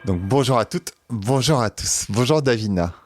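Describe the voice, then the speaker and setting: A man's voice: mid-range voice, animated, moderate pace, darkish tone, faint music behind. A man hosting a podcast, speaking conversationally as he introduces and interviews a guest. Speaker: podcast host.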